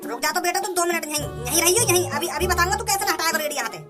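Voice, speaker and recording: A woman's voice: extremely high pitch, racing, loud music behind the voice. A woman voicing a pushy young male rival street vendor in a cartoon, taunting and bossy.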